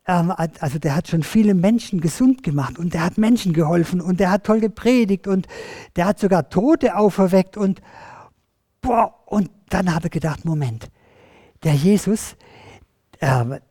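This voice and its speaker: A storyteller telling a Bible story to children, lively and addressing the listeners directly. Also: mid-range voice, husky, no echo, studio quality. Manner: animated, addresses listeners directly, many restarts.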